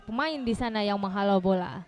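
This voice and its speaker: A woman's voice: medium pitch, a little fast. A woman with an Indonesian accent giving live futsal commentary as a co-commentator. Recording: faint background venue noise.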